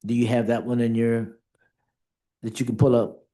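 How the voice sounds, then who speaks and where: Man running a hearing, mellow dark voice, mid pitch, bossy procedural instructions. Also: completely flat delivery, moderate pace. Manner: directive, interrupting. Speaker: board chair running a hearing.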